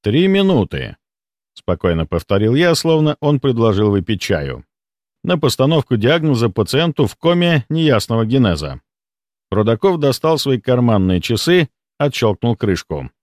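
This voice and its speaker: Man, audiobook narrator, measured reading, animated pitch, dry studio sound. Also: no echo. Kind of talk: scripted narration.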